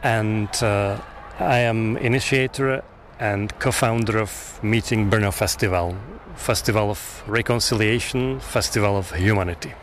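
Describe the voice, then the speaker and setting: A man's voice: lowish voice, measured pace, a bit bright, slight background noise. A man from the Czech Republic, a festival organizer, answering an interview in an earnest, hesitant way.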